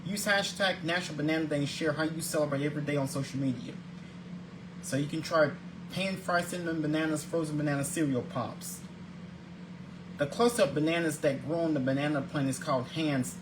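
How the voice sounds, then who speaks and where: A man in his forties with a fairly high voice speaks briskly as he reads segments on his daily video show, a casual scripted vlog. His greetings are earnest and religious, he frequently repeats and restarts words, and the background is noisy.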